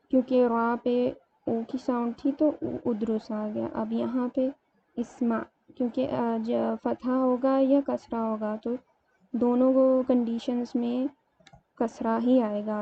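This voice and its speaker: Woman teaching grammar, step by step. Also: on the high side. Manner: explains step by step, slows to spell out words. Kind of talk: grammar lesson. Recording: dull lo-fi sound, faint room noise.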